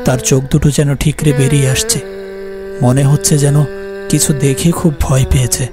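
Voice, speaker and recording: Over music, a man with a mid-range voice narrates a scripted horror story as a haunted, guilt-ridden young man, brooding and fearful. The delivery is flat and lightly acted at a normal speed, carrying an uneasy, suspenseful mood.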